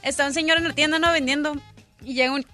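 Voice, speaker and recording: Bright, high woman co-host. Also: steady tone, fast, no room sound, faint music behind. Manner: playful joke-telling. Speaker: radio co-host.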